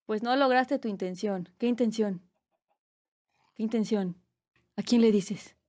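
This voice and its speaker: A woman's voice: medium pitch, unhurried, darkish tone. A Mexican woman streaming live, chatting casually and reading chat aloud with playful teasing and bursts of squealing laughter.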